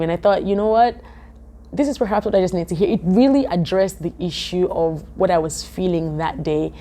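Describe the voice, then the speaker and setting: A young woman, chatting to camera in a vlog, animated and full of "um"s, from her office. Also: on the low side. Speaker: vlogger. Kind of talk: casual talk to camera.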